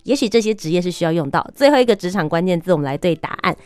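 A woman's voice: lowish voice, animated, rapid-fire, a little mellow, no echo. A woman hosting a show and interviewing a guest in a presenter's style. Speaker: host.

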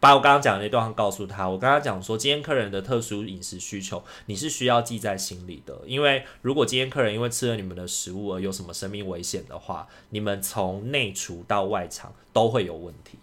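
A man, co-hosting a casual podcast and retelling a story in an animated, indignant way. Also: on the low side, fast talker, few pauses. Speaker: podcast co-host.

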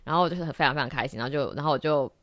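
A woman hosting a podcast, telling a story in a casual, animated way, laughing often and slipping into English phrases. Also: low voice, very fast, no room sound, studio quality. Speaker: podcast host. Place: office during lunch break.

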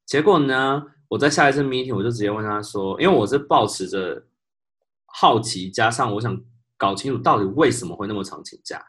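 A man co-hosting a podcast, telling work stories in a casual chat. He is animated, laughs often and drops English words into his speech. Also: on the low side, brisk. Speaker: podcast co-host.

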